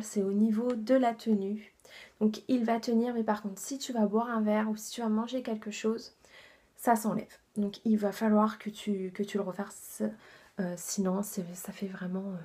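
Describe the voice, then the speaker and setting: A woman's voice: mid-range voice, level tone, normal speed, mellow, husky. A woman reviewing her makeup haul in a chatty, enthusiastic way, with many fillers and asides that drop to a half-whisper. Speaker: beauty vlogger.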